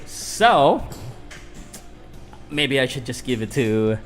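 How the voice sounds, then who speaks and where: With faint music behind him, a young man from the Philippines calls a boxing match live, very animated yet taking it slowly in a medium-pitched voice. He hosts the channel casually, hesitating with lots of fillers and replying to chat.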